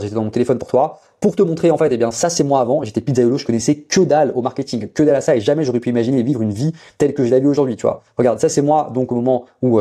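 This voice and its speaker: A man from India, pitching his online business coaching to the viewer in a hyped, rambling way full of fillers. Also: warm tone, husky. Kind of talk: casual direct-to-camera sales pitch.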